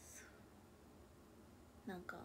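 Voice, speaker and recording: A woman's voice: takes it slowly, noisy background. A young woman with a Hakata dialect mixed with Kansai, chatting casually on a livestream from a room at home and often dropping into murmured asides to herself. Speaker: idol livestreamer. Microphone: tablet or phone device.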